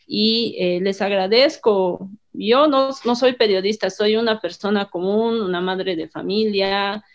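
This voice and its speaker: A woman's voice: mid-range voice, highs cut off. A woman from Bolivia with a Bolivian accent, speaking conversationally as an interviewee. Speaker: interviewee, grassroots party supporter.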